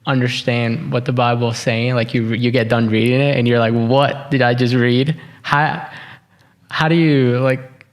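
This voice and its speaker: A young man hosts a podcast in a relaxed, conversational way. His voice sits at a middle pitch with a creaky, gravelly edge. He often stops and repeats words while working out his questions. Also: moderate pace. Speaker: podcast host. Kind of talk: casual interview chat.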